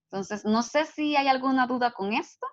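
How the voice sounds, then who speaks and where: A woman's voice: high voice, normal speed. Woman, psychology lecturer, explanatory, checks in with listeners, muffled lo-fi sound. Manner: explanatory, frequent tag questions. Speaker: psychology instructor. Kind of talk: online lecture.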